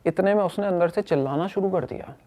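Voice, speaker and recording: A young man casually telling a personal story, animated and acting out what others said. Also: high voice, quick pace. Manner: animated, acts out quoted speech.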